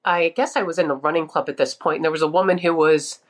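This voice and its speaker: A woman in her fifties chats as a podcast guest, candid and easygoing as she tells her story. Her voice sits on the lower side for a woman. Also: fairly even intonation, fast. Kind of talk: casual interview chat.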